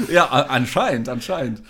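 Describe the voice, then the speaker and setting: A man's voice: fairly high pitch, big pitch swings, unhurried, a crowd in the background. A man chatting on a podcast panel, hesitant and hedging, often restarting his sentences. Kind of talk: casual chat.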